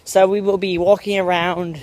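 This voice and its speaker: A young man from the United States hosts a rambling walk-and-talk vlog, putting on a mock British accent as he strolls outdoors around a school campus filming on his phone. He's jokey and meandering, full of fillers and self-corrections. His high-pitched, slightly mellow voice moves little in pitch, at a moderate pace.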